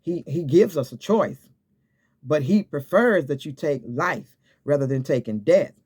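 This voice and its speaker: A man's voice: on the high side, expressive, unhurried, a little mellow, slightly rough. A man preaching an informal sermon to camera, exhorting and repeating himself, often checking in with "okay?". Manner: repetitive, exhorting, with many restarts and "okay?" checks.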